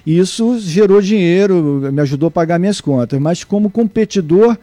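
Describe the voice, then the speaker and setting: A middle-aged man from Brazil, a guest surfer and surf instructor, answering interview questions in a halting way with many restarts. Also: high-pitched, animated, mellow, no echo. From Brazil (born in Salvador, raised in Niterói). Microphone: remote mic, at first too far away.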